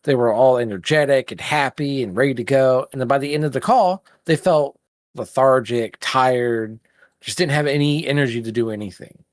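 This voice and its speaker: A woman's voice: extremely low pitch, normal speed, no echo. A woman co-hosting a podcast in casual chat, with dry, teasing humor. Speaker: podcast co-host.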